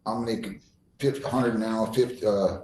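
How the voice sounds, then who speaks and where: A man's voice: on the low side, fairly even intonation, moderate pace, a little mellow. An American man presides as a judge in a courtroom, speaking in a firm, formal way. He lays out procedure and puts plain questions. The room is echoey, with faint noise behind him. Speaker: judge presiding over hearings.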